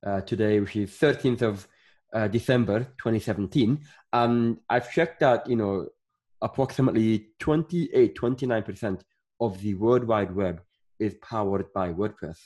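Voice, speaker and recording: A man in his thirties from Northern Ireland talks in a fairly low voice as a podcast guest. He chats casually and rambles, filling his talk with lots of filler phrases. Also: normal speed, a little mellow. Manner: chatty, rambling with many fillers. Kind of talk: casual interview chat.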